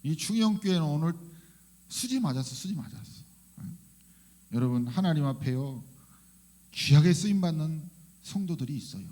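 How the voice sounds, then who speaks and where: A high-pitched man preaches to a church congregation. His delivery is fervent and animated. He keeps calling out hallelujah and putting questions to the people in front of him. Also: normal speed, pauses often. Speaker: pastor. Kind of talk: sermon. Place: church sanctuary.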